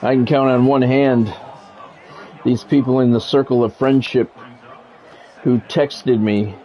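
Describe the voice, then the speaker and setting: A warm, steady, medium-pitched voice moves slowly as this American host chats casually and bluntly while narrating his game on stream. Some chatter and a little hiss or hum can be heard, along with music, in the dull lo-fi audio.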